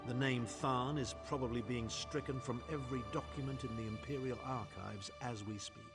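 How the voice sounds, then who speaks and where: A man's voice: mid-range voice, fairly even intonation, moderate pace, over music, lightly acted. An actor playing a haughty, scheming aristocratic male chancellor in a video game, speaking pompously. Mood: bitter. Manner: pompous, grandiloquent.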